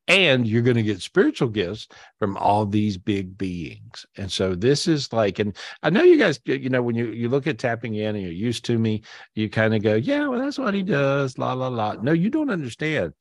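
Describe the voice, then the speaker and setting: A man's voice: fairly low pitch, no echo, clean studio sound. A man hosting a live spiritual talk over a video call. He speaks casually and enthusiastically, repeats himself, and often restarts his sentences. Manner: chatty and repetitive, many restarts with "and so"; enthusiastic, drawn-out emphatic words. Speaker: spiritual teacher and podcast host.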